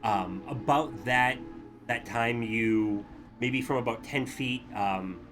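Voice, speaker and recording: A man working as game master, improvising tabletop game narration in a halting way. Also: medium pitch, music in the background. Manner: halting, piecing descriptions together.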